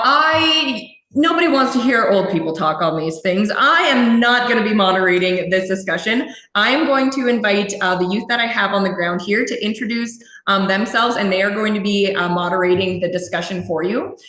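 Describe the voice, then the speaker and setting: A woman's voice: mid-range voice, normal speed, a bit bright. A woman hosting a live panel, talking chattily with fillers as she hands over to the speakers. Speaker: host. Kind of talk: event hosting. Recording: roomy echo.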